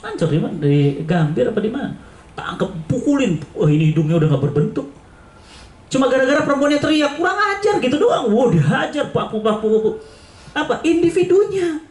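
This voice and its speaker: A man preaching a sermon to a congregation in an Indonesian Jakarta accent, firing rhetorical questions, acting out people's lines and leaping up into high exclamations. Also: big pitch swings, a little fast, darkish tone. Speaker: Islamic preacher. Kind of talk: lively sermon to a live congregation. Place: auditorium in a government building. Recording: echoey hall.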